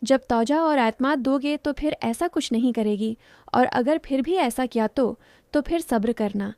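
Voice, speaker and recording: A woman's voice: high-pitched, warm tone, dry recording. A woman voicing the playful, teasing young friend of a fiancée in a narrated story.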